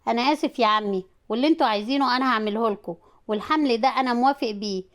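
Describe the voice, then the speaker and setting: A young Egyptian clerk who talks quickly and defensively, as a woman reading a story puts him on. His voice sits fairly high and moves fast. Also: natural voice. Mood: apologetic. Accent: Egyptian Arabic. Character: flustered young husband, defensive office clerk.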